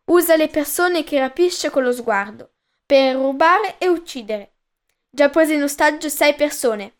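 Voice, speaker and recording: A woman's voice: sits high, close to an everyday voice. A woman reading a story aloud and voicing a TV news announcer in a formal bulletin manner.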